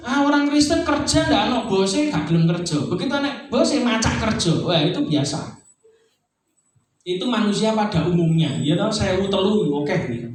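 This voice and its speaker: A middle-aged male pastor with a Javanese accent, preaching an animated sermon with frequent "ya toh?" asides. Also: high voice, a little hiss or hum. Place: church hall. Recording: distant mic in echoey church hall.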